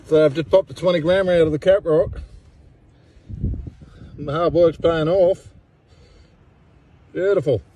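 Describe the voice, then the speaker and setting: A man's voice: on the high side, fairly even intonation, unhurried, pauses often, mellow. Laconic man, noisy field recording. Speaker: gold prospector filming finds. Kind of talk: casual field vlog. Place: outdoors at a gold digging site. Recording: clearly noisy outdoor handheld recording.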